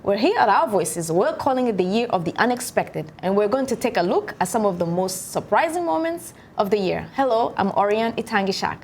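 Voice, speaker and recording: A woman hosts a panel discussion at a quick pace. Her pitch is mid-range, and a faint rumble sits behind her voice. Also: very animated, darkish tone. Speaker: talk show host.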